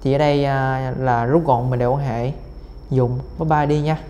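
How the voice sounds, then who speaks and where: In this exam-solving English lesson, a man steps through the questions, saying every word over and over and leaning heavily on fillers. He speaks at a moderate pace with a medium-pitched, steady and dark voice, recorded in an echoey room with slight noise.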